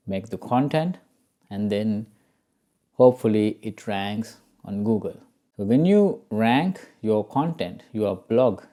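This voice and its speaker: Low-pitched and dark in tone, a Sri Lankan-accented man leads an informal SEO tutorial one step at a time. He regularly checks in with the listener, saying "right?" and "okay?"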